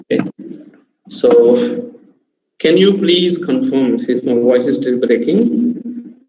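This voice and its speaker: Speaking slowly in a mellow, mid-range voice, this online workshop trainer sounds animated as he runs a live lesson on a video call. He has an Indian English accent, repeats "okay" again and again, and lays out his tips one numbered step at a time. Faint hiss runs under the dull, roomy call audio.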